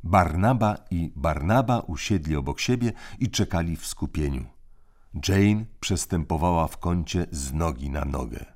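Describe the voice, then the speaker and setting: A man reading an audiobook as narrator, in measured storytelling. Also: low-pitched, lively intonation, a little mellow. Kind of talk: scripted narration.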